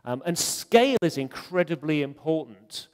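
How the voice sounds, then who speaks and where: A conference speaker talks about web design in a hall, chatty and joking and using many ums. His voice is a little high and animated, at normal speed. The recording carries long hall reverb.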